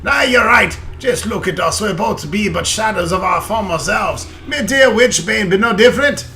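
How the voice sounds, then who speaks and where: An agitated old dwarf warrior's ghost in a fantasy game. The voice is raised high and bright, with big swings, and the phrasing is archaic and exclamatory. Music plays faintly behind. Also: male voice, expressive, normal speed, full character voice. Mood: bitter. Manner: archaic dialect with 'ye' and 'be', exclamatory.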